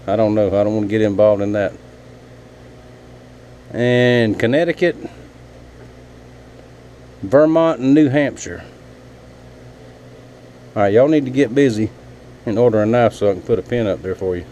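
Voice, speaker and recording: A man's voice: fairly low pitch, normal speed, pauses often, warm tone, a little hiss or hum, rough recording. Folksy man in his workshop. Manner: rambling, folksy, talks to viewers as y'all. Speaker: knifemaker. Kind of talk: casual vlog chat. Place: home workshop.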